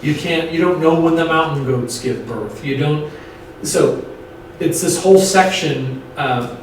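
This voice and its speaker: A man's voice: on the high side, measured pace. A man, a pastor, teaching a Bible study class in a conversational way, explaining points, restarting sentences and checking in with his listeners. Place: church classroom. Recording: distant mic in a very echoey room, faint noise.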